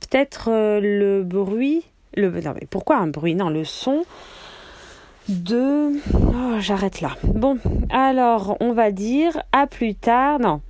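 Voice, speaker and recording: A woman's voice: mid-range voice, animated, takes it slowly, darkish tone, no echo. A woman leaving a rambling, self-deprecating voice message for a podcast, laughing at herself. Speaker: listener sending a voice message. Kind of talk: casual voice message.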